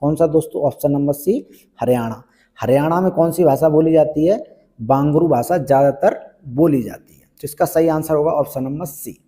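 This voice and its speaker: Man, exam prep teacher, repeats questions and answers, very dark tone, reverberant hall. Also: a little high, normal speed.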